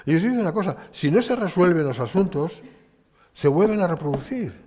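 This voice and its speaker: Animated pastor preaching in a hall. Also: male voice, high voice, fairly quick, a little hiss or hum. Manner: conversational preaching with rhetorical questions and acted-out quotes. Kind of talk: sermon. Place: church hall. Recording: church hall with long reverb.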